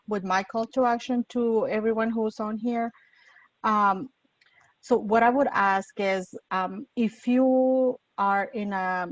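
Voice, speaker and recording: A woman's voice: mid-range voice, no room sound. Woman moderator on a dull, distant mic. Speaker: panel moderator. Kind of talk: webinar discussion, unscripted call to action. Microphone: video call.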